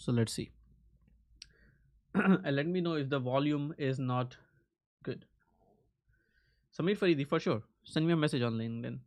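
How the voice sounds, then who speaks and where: A man hosting a live coding stream, chatting casually with his viewers. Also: mid-range voice. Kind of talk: casual livestream chat.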